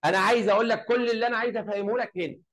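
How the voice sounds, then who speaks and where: A man with an Egyptian accent teaching an English lesson to a class. He drills short phrases slowly, repeats them and quizzes his pupils. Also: sits high, fairly bright tone, low-quality recording. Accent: Egyptian Arabic.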